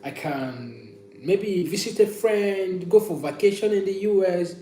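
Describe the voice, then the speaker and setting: A man chats casually to a livestream, his voice fairly high for a man yet soft and mellow. He tells stories and gives opinions, circling back to repeat phrases for emphasis. The room rings with echo. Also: expressive, measured pace. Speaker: livestream host. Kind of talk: casual live chat, sharing personal stories and opinions. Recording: echoey room with faint hum.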